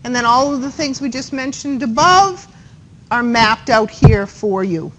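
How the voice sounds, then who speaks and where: A woman with a Boston accent lectures a class on anatomy, her voice pitched high. She keeps it chatty and stops to quiz her students. A faint hiss of classroom noise sits behind her. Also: expressive, unhurried, a bit bright, poor audio. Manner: chatty, checks in with students by asking questions. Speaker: anatomy instructor.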